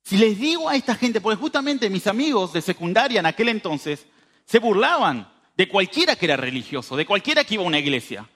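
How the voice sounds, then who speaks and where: High and very animated, with a fairly bright tone and a slightly fast pace, this man's voice carries a northern Uruguayan border accent from near Brazil. Aged thirty-five, he preaches informally at a youth church gathering, talking straight to the audience. His conversational sermon leans on repeated phrases for emphasis.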